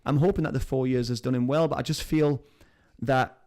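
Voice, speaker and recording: Guy hosting a live stream, quick rambly chat, mid pitch. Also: steady tone, darkish tone. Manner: rambling, chatty and enthusiastic. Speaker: show host.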